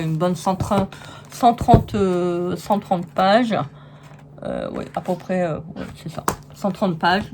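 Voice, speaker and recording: A woman's voice: lowish voice, noisy background. A woman chatting enthusiastically in a casual crafts haul video, with many fillers and restarts. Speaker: crafts vlogger.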